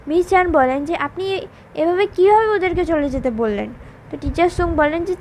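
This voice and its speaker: A woman's voice: high-pitched, slight background noise, rough recording. A woman narrating a recap of a drama episode and reading out the characters' lines in her own voice. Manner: quick plain storytelling that reads out the characters' lines in her own voice. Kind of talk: retelling a drama episode with quoted dialogue.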